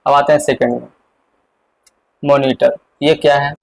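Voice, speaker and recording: A man's voice: mid-range voice, level tone, measured pace, creaky, no room sound, rough recording. A male teacher giving an exam-prep lesson, explaining step by step and repeating the key points with frequent fillers.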